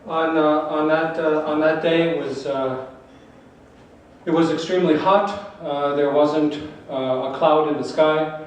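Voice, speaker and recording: A man interprets slowly and haltingly, his voice pitched a little high for a man. He sits far from the microphone in a strongly echoing hall, with faint noise underneath. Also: steady tone. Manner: halting, many fillers and restarts. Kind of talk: consecutive interpretation at a talk.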